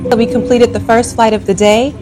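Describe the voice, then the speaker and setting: A woman's voice: a little high, steady tone, brisk. An American woman narrating and explaining her work as a flight attendant in a vlog. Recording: music and vehicle noise behind.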